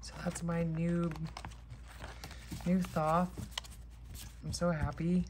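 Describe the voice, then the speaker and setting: Casting: woman, low-pitched, sleepy and rambling casual vlogger, some room noise behind her. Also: flat delivery, darkish tone. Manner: sleepy, unhurried rambling with trailing-off thoughts. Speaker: host of a tarot deck haul vlog.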